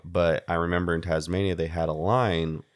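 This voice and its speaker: A young American man co-hosting a casual podcast in a halting, jokey way, often restarting his sentences. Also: deep voice, steady tone. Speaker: podcast co-host. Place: home studio in a house.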